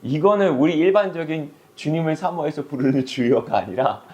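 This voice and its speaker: A middle-aged male pastor preaching a sermon, telling a story with animated delivery and acted-out voices. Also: a little high, a little fast.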